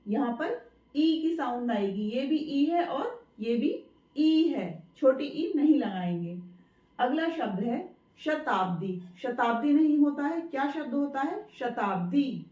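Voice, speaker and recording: A woman's voice: sits high, animated, slow pace, warm tone. A woman hosting her channel and teaching spelling, patiently saying each word again and asking and answering her own questions. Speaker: Hindi teacher and channel host. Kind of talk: spelling lesson to camera. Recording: roomy, distant, dull sound.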